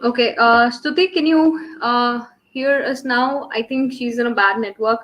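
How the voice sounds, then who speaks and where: A woman's voice: on the high side, a little slow, fairly bright tone. A young woman with an Indian English accent, hosting and presenting a live online webinar for students. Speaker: webinar host. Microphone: online call microphone.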